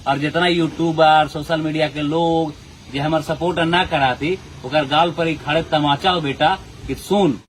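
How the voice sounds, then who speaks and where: In a low-quality recording with slight hiss or hum, a man with a fairly high-pitched voice hosts a channel and addresses viewers casually, earnestly pleading with them in a folded-hands appeal.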